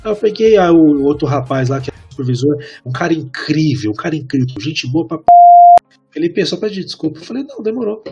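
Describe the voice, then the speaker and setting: A man, telling a work story in a casual podcast chat and acting out the dialogue with animated energy. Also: fairly high pitch, brisk, breathy edge, muffled recording, soft background music. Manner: animated, acts out quoted dialogue. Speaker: podcast co-host.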